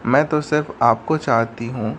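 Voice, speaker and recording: A man voicing a gentle, devoted young wife in an animated story, soothing and pleading with her husband. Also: medium pitch, moderate pace, a little hiss or hum, natural voice.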